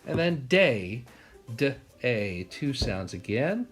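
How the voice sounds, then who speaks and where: A man's voice: mid-range voice, sing-song, breathy edge, soft background music. An American man teaching a spelling lesson, sounding out words piece by piece and asking questions as he goes. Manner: sounds out words slowly, asks rhetorical questions.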